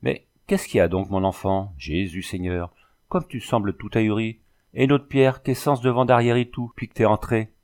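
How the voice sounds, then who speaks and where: A man's voice: lowish voice, moderate pace, a little mellow, lightly acted. A man voicing a talkative, curious old widow in a storybook, folksy and pious in manner. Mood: fussing. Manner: loquacious, folksy.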